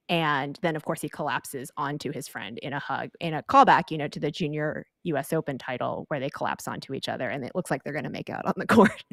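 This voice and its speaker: Frank, lower-voiced woman film guest. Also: no echo, studio quality. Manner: candid, opinionated, joking. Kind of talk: casual film discussion.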